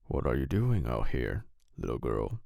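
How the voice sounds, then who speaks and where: Man as a croaky, sly storybook wolf. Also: rumbling low, big pitch swings, a little slow, warm tone, dry recording, studio quality, voice pushed down, heavily acted. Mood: falsely friendly. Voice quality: croaky, cracked. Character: sly hungry male wolf feigning friendliness.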